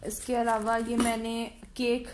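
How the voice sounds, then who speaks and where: A woman with a slightly high voice chats casually through an unboxing review of baking gear, and she pauses often as she shows each item. She sits at home with a phone filming from above. Faint background hiss is under her voice. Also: completely flat delivery. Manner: chatty, frequent hesitations, shows items one by one. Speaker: cooking channel host. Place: indoors at home, seated over a box.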